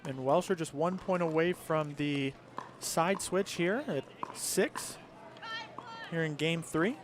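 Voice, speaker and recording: A man's voice: fairly high pitch, slow pace, background noise. A man giving live play-by-play commentary as a pickleball commentator.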